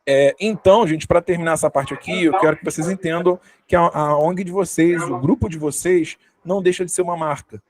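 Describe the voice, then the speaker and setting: A man's voice: a little high, a little fast, hardly any pauses, crowd noise, poor audio. Chatty Brazilian man teaching a workshop. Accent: Brazilian Portuguese. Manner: conversational, many fillers and tag questions. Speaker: workshop speaker on communication. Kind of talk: live workshop talk.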